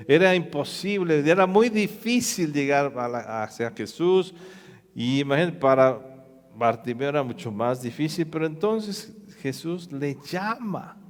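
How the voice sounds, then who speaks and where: Man, pastor, slightly high voice, animated sermon storytelling, long reverb of a hall. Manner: storytelling, animated retelling of scripture.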